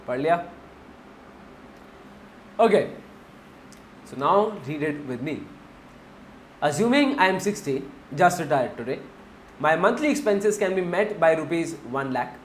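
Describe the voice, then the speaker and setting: A man's voice: on the high side, echoey room, a little hiss or hum. A man with an Indian accent teaching a finance class, mixing Hindi into his English, repeating key points and asking the class questions.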